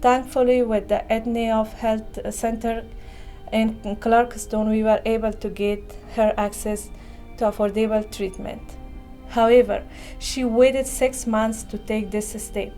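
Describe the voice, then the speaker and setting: A woman's voice: on the high side, little pitch movement, a little slow, warm tone, soft background music. A woman from Afghanistan, a childbirth educator, reading her personal testimony in an earnest, careful way. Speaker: childbirth educator and community liaison.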